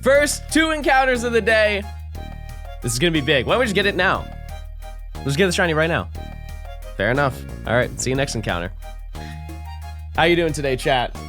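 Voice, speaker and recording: Hyped streamer on a headset mic. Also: male voice, fairly high pitch, sing-song, fairly quick, long pauses. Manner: swings between hyped shouting and mock-sad mumbling. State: sore throat. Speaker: livestreamer. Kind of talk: casual livestream chat. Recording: game music playing behind.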